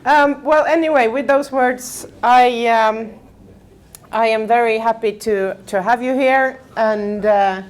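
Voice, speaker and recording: A woman hosting an event, opening it with slow, halting speech full of fillers. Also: on the high side. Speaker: host. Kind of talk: casual event introduction.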